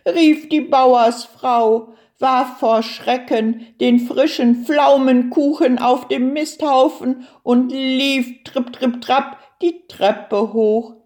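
A woman who directs a daycare center, reading a children's story aloud in an expressive storytelling manner. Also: high voice, slow pace, few pauses.

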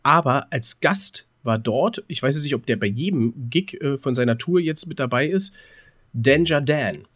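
His voice sits mid-range and a bit bright, expressive and at normal speed, in a dry recording. He's a podcast co-host telling meandering stories casually, frequently pausing to find the right word.

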